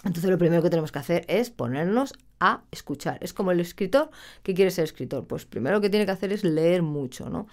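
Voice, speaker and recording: Brief: woman singing coach, slightly low pitch, animated and playful. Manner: animated, acts out students and shouts, laughs often. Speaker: singing teacher. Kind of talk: casual video lesson.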